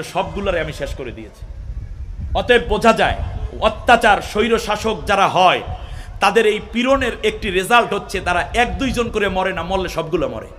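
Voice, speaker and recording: A man preaching a sermon, asking his listeners questions and chanting Quranic verses slowly. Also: high-pitched, a little hiss or hum. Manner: rises to shouting at climaxes; asks the crowd questions and calls for responses. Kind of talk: Bengali waz sermon.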